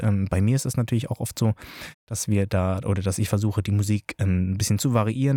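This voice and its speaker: A man's voice: medium pitch, dark tone, no echo, studio quality. A man explaining dance music in a chatty, informal tutorial, talking straight to his listeners with many fillers. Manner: chatty, filler-heavy, addresses listeners directly. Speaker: dance teacher.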